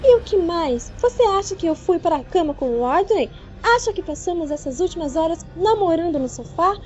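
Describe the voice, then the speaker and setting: A woman voicing a defensive young fiancée who turns sharp and indignant, in an audiobook reading. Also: sits high, very animated, brisk, pitched above the performer's own voice. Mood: furious. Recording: dull lo-fi with faint music.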